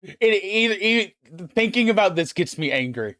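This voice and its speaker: High-voiced guy streaming, ranting and cussing, super dry close sound. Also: animated, measured pace, sharp tone, no echo. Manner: ranting, emphatic and profane. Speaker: livestream host. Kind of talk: casual chat.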